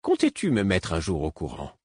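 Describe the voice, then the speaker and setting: A man voicing an older male courtier who speaks calmly, with mild and faintly mocking courtesy. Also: sits low, normal speed, slightly rough, no echo, studio quality, exaggerated voice. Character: older male courtier, calm, wry and gentle.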